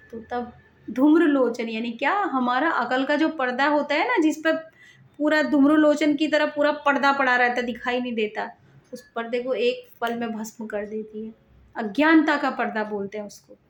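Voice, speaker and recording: A woman's voice: a little high, fairly even intonation, moderate pace, echoey room, muffled recording. A woman reciting a devotional scripture and explaining it in her own words, with frequent rhetorical asides.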